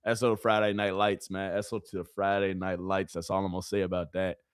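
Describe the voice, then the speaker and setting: A low-voiced man talks fast with a flat delivery while hosting a live watch-party stream. His voice is hoarse from yelling as he addresses his chat animatedly and cycles through catchphrases.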